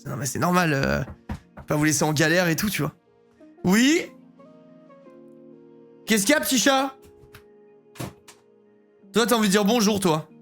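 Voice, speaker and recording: A man's voice: sits high, a little slow, gravelly, long pauses, a bit bright, faint music behind. A man streaming live, chatting casually and joking while he has a cold. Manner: joking, laughs often, swears casually. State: has a cold, stuffy and sick.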